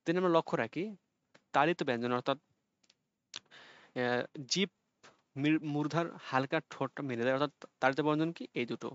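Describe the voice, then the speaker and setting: Guy teaching online class, says each sound slow so you copy it, dry dull lo-fi sound. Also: mid-range voice, clear, resonant tone, dry recording. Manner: explains patiently, repeats sounds slowly for students to copy. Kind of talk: online exam-prep lesson.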